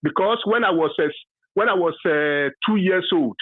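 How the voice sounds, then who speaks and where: Husky Yoruba-accented caller over a phone line. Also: male voice, high voice, dry recording. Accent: Nigerian, Yoruba. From Nigeria. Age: 50s. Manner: halting, full of fillers and restarts, emphatic. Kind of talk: call-in radio opinion. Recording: dry tinny phone line.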